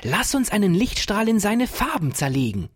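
A man voicing a curious young boy who asks eager, sometimes hesitant questions, his voice raised high and a little husky. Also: big pitch swings, moderate pace, full character voice.

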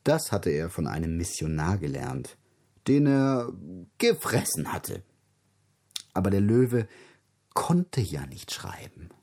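A man reading a children's story aloud slowly and expressively, dropping into dramatic whispers now and then. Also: low voice, big pitch swings, gravelly, a little mellow.

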